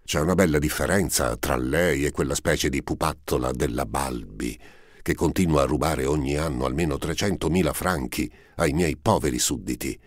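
A man voicing a proud, vindictive prince who is quick to rage, in a haughty, scheming tone that bursts into shouting, read for an audiobook. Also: a bass voice, dry recording, studio quality. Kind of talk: audiobook character reading.

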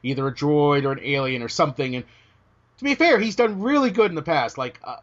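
A British man co-hosting a casual podcast chat, joking and cutting himself off, his voice starting to go hoarse. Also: fairly high pitch, fairly quick. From Britain. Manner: animated, joking, self-interrupting. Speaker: podcast co-host. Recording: dull lo-fi audio.

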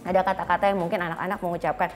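Her delivery is flat and racing, her voice on the low side. An Indonesian-accented woman in her thirties, she explains informally as a guest expert and plays out short parent-child dialogues, miked with a clip-on lapel on a small furnished indoor studio set, where a little hiss or hum can be heard.

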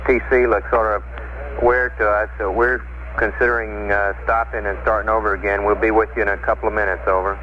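A man's voice: on the low side, level tone, fairly quick. Man on a very noisy mission-control radio. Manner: matter-of-fact, uses radio procedure words. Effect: radio transmission. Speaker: spacecraft communicator at mission control. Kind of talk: procedural radio communication. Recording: noisy, narrow-band archival space radio link. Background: loud radio static and noise.

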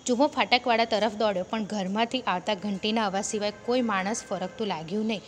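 A woman's voice: medium pitch, fast, faint music behind. A woman teacher with a Gujarati accent reads a story lesson aloud, then retells each line in simpler words. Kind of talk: reading and explaining a story lesson. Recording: echoey room with faint noise.

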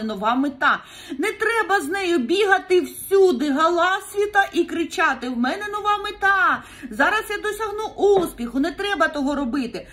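A woman's voice: very high-pitched, fairly bright tone. A woman giving a casual tarot reading to viewers, chatty and earnest, with frequent laughs and filler words. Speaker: tarot reader.

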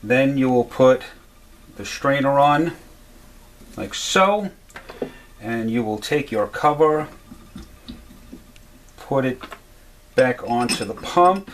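A man explains a repair step by step at a workshop bench, in an unhurried, middle-pitched voice. He talks plainly and fills his pauses with "uh" and "um." A faint hiss sits under the recording. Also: lively intonation. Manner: plain, step-by-step, with many "uh" fillers. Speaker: HVAC supply instructor. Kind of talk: how-to repair demonstration.

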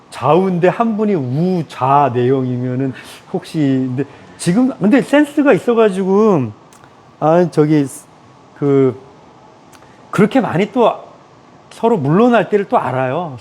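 A man giving a lively lecture in a room, acting out people in raised voices and laughing often. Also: a little high, unhurried.

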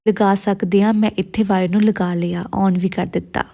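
A woman's voice: medium pitch, little pitch movement, normal speed, gravelly, dark tone. A woman with a Punjabi accent giving a sponsored product demonstration.

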